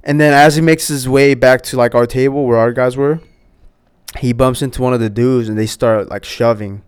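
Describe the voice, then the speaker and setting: A young man from the United States talks in a relaxed, rambling way, with frequent fillers and restarts. His voice is smooth and resonant and sits at an ordinary middle pitch. He swears casually as he tells his stories. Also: normal speed, no room sound. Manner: laid-back, profane, many fillers and restarts. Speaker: podcast host. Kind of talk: casual storytelling.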